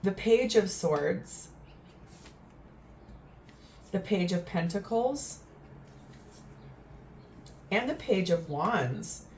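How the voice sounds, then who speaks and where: A woman giving a tarot reading in a gentle, earnest, reflective way, with frequent fillers. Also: mid-range voice, animated, drawn-out words, pauses often, slight background noise. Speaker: tarot reader.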